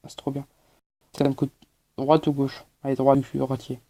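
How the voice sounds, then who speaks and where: A man's voice: medium pitch, monotone, moderate pace, mellow. A man giving hesitant, explanatory gameplay commentary as a channel host, with many fillers.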